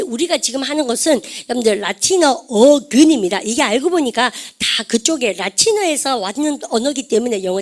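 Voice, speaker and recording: Quizzing female English teacher. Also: a little high. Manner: calls out questions and has students repeat words; switches between Korean and English. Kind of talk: classroom lecture.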